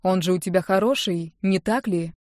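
A woman reading an audiobook, voicing a sullen, stubborn young man who answers tersely and flatly. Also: medium pitch, moderate pace, no room sound, clean studio sound, close to an everyday voice. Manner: flat, terse and defiant.

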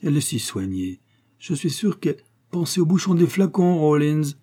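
A man's voice: a little high, very animated, normal speed, mellow, slightly rough, voice pushed up. A man reading an audiobook voicing an effusive, evasive aristocratic lord who chatters jovially and talks over others. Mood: breezy jovial.

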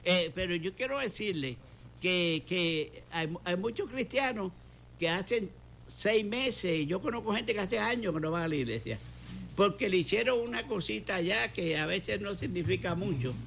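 With a Puerto Rican Spanish accent, an older pastor from Puerto Rico speaks at normal speed in a high, animated, creaky, somewhat bright voice, a little hiss or hum behind him. He is giving a fervent testimony on a talk show, repeating phrases for emphasis and acting out quoted dialogue.

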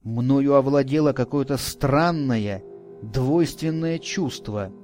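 A man narrating a first-person audiobook in a measured, dryly ironic way. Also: medium pitch, a little mellow, soft background music.

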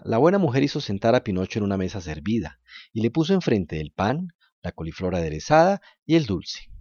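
A man reading a children's story aloud in an expressive storytelling style. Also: lowish voice, dry recording, highs cut off. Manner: animated, lively storytelling.

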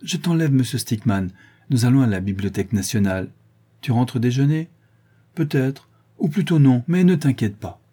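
A man voicing a calm, devoted young woman who answers with cool, teasing poise. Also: medium pitch, normal speed, breathy edge, voice pushed up. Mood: light.

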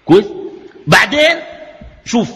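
A man's voice: high voice, very animated, normal speed, pushed and bright. A man with a Sudanese Arabic accent teaching a religious lesson, arguing through a stream of rhetorical questions. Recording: echoey hall reverb.

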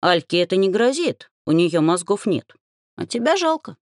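A woman's voice: fairly low pitch, very animated, normal speed, no echo, clean studio sound, pitched above the performer's own voice. A woman voicing a short, cocky half-gnome young man who bickers and lectures his friends in a storybook reading. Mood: teasing.

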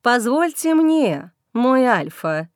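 A woman reading an audiobook voices a plump, gentle female werewolf who speaks softly and calmly. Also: medium pitch, no room sound, studio quality. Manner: soft, measured.

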